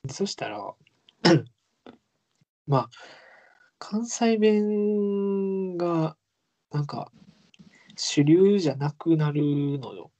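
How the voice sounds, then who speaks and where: A man's voice: high voice, animated, drawn-out words, pauses often, warm tone. A young man with a Kansai accent, chatting casually as a podcast co-host, laughing often and trailing off. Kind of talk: casual chat.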